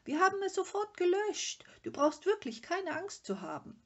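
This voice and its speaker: A woman voicing an eager young male troll child in a storybook reading, talking with excited urgency. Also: mid-range voice, a little slow, husky, muffled recording, voice pushed up. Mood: urgent.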